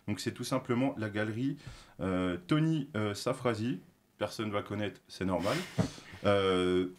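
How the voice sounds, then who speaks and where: A man's voice: on the low side, a little hiss or hum. A man presenting a segment on a talk show, explaining from his notes with a lot of filler sounds, self-corrections and light self-mocking asides.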